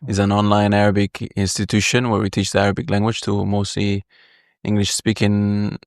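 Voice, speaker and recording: Relaxed low-voiced male guest. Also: normal speed, no echo, studio quality. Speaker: guest, Arabic school founder. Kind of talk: casual roundtable chat.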